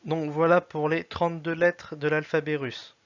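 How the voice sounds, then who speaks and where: A man teaching a language lesson, slowly and carefully sounding out letters and words one by one. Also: on the high side, level tone, dry recording, dull audio. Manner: slow, careful and deliberate, spelling out sounds one by one. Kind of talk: slow spoken lesson.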